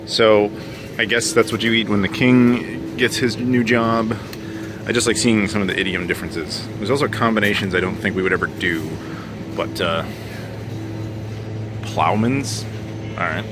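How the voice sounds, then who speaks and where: With a fairly low, steady voice at normal speed, this US travel vlog host pauses often while he wanders an airport and a supermarket. He chats casually, cracking jokes at his own expense, and the on-location recording is noisy.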